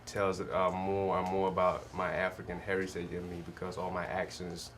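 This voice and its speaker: A man's voice: deep voice, level tone, normal speed, fairly bright tone, slight background noise. A young man, speaking as a talk show guest, thoughtful and hesitant, with many fillers. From the Gambia. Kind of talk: casual talk show conversation.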